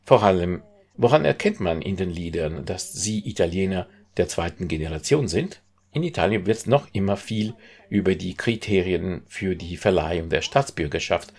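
A man reading a translated interview as voice-over, calm and steady in his delivery. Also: sits low. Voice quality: gravelly, husky.

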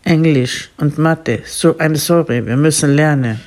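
A woman voicing a gruff young male student who wants to get back to studying. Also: deep voice, unhurried, darkish tone. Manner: gruff and brief. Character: gruff studious young man.

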